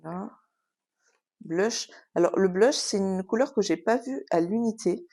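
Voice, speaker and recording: A woman's voice: mid-range voice, measured pace, warm tone. A woman hosting a casual craft tutorial, explaining at an easy pace with frequent hesitations and filler sounds. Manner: chatty, explanatory.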